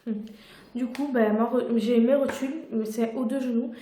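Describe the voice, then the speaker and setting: Young woman vlogger, casual storytelling, full of fillers and restarts, slightly high pitch, recorded on a phone in a roomy, echoey space. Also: steady tone, moderate pace, mellow. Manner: chatty, many fillers and restarts. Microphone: phone camera. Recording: echoey room.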